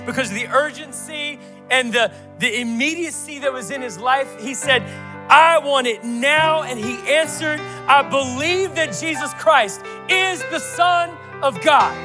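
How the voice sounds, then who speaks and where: High, bright-voiced pastor preaching emphatically. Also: male voice. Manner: emphatic preaching with rhetorical questions and builds. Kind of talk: sermon.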